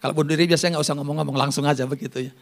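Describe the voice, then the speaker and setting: Seorang pendeta pria berkhotbah dengan hidup, bergantian antara seruan keras dan sisipan pelan, sambil bercanda dengan jemaat. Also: male voice, on the high side, racing. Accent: Indonesian. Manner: animated preaching with loud rises and soft asides; jokes with the congregation by name. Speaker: pastor. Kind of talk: sermon.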